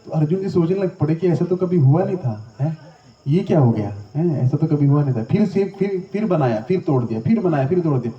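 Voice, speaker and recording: A man's voice: on the high side, expressive, brisk, dull audio. Man telling scripture tales, roomy and distant. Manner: conversational, asks the audience questions. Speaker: spiritual teacher. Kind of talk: storytelling scripture lecture.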